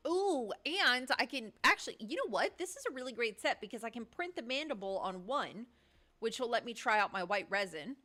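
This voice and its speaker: Lively, bright-voiced woman streamer. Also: a little high, fairly quick. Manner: excitable, chatty, slangy, thinks aloud. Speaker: livestreamer. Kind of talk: casual livestream chat.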